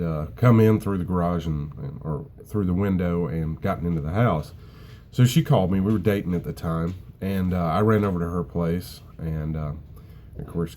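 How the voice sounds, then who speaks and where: Deep-voiced man telling a rambling story. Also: a little hiss or hum. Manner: rambling, relaxed, many fillers. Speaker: author and host of a short story segment. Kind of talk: casual spoken storytelling.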